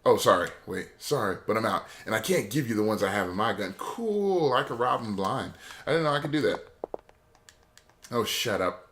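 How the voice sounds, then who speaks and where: Rambling, jokey gamer man with lowish voice. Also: brisk, fairly bright tone, a little hiss or hum. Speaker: let's play host. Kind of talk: gameplay commentary.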